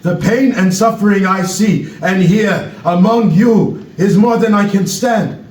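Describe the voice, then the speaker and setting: Man playing Knowledge, a slow, solemn panther orator. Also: high voice, darkish tone. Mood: grave, solemn. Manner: deliberate, grave oratory. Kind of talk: stage play reading, speech. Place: echoey room, away from the mic. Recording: roomy echo, distant microphone.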